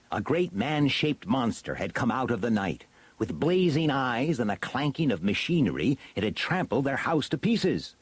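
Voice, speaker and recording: A man reading a fantasy storybook aloud as a theatrical, expressive narrator. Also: medium pitch, husky, no echo. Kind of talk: dramatic scripted storybook narration.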